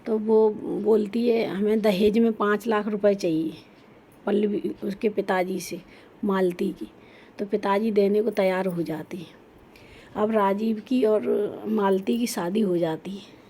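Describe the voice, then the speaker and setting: A woman's voice: mid-range voice, steady tone, a little slow, dark tone, slight background noise. A woman retelling a folk story in a loose, informal way, with frequent restarts.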